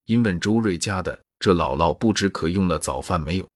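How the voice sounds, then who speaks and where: A man voicing a sharp, commanding young noblewoman who talks in a brisk, teasing, authoritative way in a storybook reading. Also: deep voice, animated, no echo, clean studio sound.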